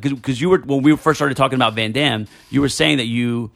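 A man's voice: mid-range voice, a little fast, gravelly, a bit bright, no echo. A man from New Jersey in casual chat, rambling and restarting his sentences. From New Jersey, United States.

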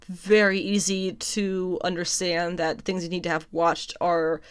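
A woman with a slightly low-pitched voice talks through comic book issues in a loose, chatty review. She sounds amused, often breaks into laughter and swears without much thought. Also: level tone, unhurried, clear, resonant tone. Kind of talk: casual recap and review.

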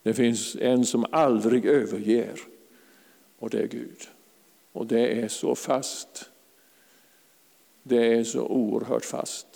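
A man preaching a fervent sermon to a congregation, calling out hallelujahs and sometimes rising to a shout. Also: mid-range voice, gravelly, in a large hall. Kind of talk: charismatic sermon. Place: church.

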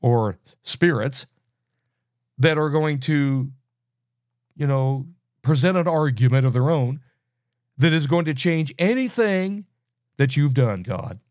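A man's voice: a little high, lively intonation, slow, pauses often, a little mellow, no echo, clean studio sound. A man teaching a Bible study in a loose, conversational way, asking rhetorical questions and often restarting his phrases.

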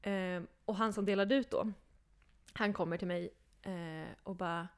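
A woman's voice: fairly low pitch, clear, resonant tone. Young woman telling a story animatedly. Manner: animated, acts out quotes, laughs often. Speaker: podcast guest telling her story. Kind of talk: casual storytelling.

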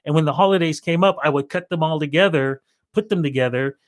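Interview guest: Canadian radio veteran, middle-aged, lively raconteur who plays both sides of old calls; fairly high voice. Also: male voice, quick pace, no room sound, studio quality. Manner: animated storyteller who acts out both sides of remembered phone calls. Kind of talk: casual storytelling in an interview.

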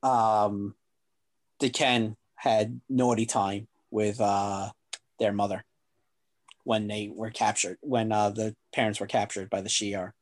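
A man co-hosting a casual podcast, deadpan and dry, explaining comic lore in detail. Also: lowish voice, slow, no room sound. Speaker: podcast co-host. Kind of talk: casual chat about comics.

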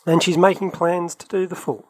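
Over a loud crowd and poor audio, a man with a high-sitting voice speaks at a moderate pace. He co-hosts a laid-back podcast from London, laughing a lot as he spins lively travel tales.

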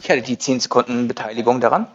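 A man in his thirties in a casual podcast conversation, energetic and acting out his own inner voice in quoted lines. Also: mid-range voice, fast, dull audio. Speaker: guest.

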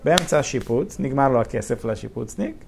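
Gravelly-voiced man telling lively stories. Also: medium pitch, noisy background. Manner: animated, laughing storyteller acting out dialogue. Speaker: real estate investor guest. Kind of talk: casual storytelling interview.

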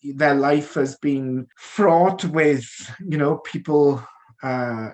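A man's voice: on the high side, extremely slow, a little mellow. A man with a South Wales Valleys accent co-hosting a casual news discussion, chatty and often hesitating and rephrasing as he goes. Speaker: co-host.

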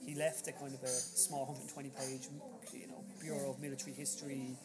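Irish man chatting over loud crowd noise. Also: level tone, a little fast. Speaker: author being interviewed. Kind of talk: casual interview talk. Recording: low-quality recording, loud crowd chatter behind.

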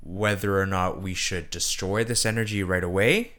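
A man's voice: low-pitched, fairly even intonation, normal speed, fairly bright tone. A man co-hosting a podcast, rambling casually with many fillers and hedges. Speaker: podcast co-host. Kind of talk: casual chat.

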